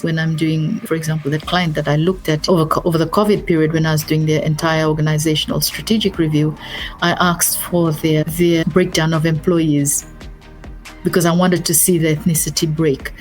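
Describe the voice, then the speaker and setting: Low-voiced Fijian businesswoman. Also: darkish tone. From Fiji. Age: middle-aged. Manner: earnest, repeats and restarts words. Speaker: business advisor, guest. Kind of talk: interview conversation.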